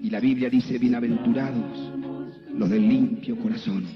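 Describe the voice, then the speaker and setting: A man's voice: medium pitch, steady tone, moderate pace. A man preaching a sermon as a pastor, acting out his talks with people and building to a passionate fervor. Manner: impassioned preaching, acts out dialogue. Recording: echoey hall, dull lo-fi with music.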